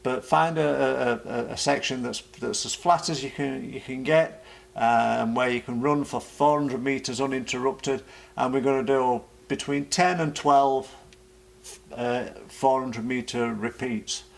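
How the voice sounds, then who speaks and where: A British man giving an informal vlog explanation as a running coach, speaking haltingly and often repeating words. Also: mid-range voice, fairly even intonation, creaky.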